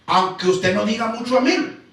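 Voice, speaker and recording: A man preaching in a church, with a very high voice that swoops up and down as he stresses his points. He fires rhetorical questions at the congregation and breaks into shouts. The sound carries heavy reverb from the hall. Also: expressive, moderate pace. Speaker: pastor. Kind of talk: Pentecostal-style sermon. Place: church sanctuary. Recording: very echoey church hall, mic far off.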